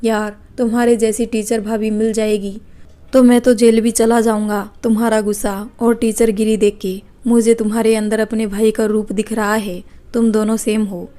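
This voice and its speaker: A cheeky young man on a train, all teasing jokes and mock outrage, as a woman storyteller reads him. The voice sits fairly high and stays level in pitch. Its tone is soft and mellow. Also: flat delivery, moderate pace, close to an everyday voice. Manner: playful, mocking banter.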